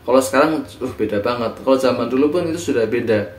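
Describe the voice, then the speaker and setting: A man's voice: mid-range voice, fast, a little hiss or hum. Male lecturer, casual and hesitant delivery, heard from across an echoey room. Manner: relaxed, conversational, frequent fillers and self-corrections. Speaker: teacher. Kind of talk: informal history lecture. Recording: echoey room, recorded from a distance.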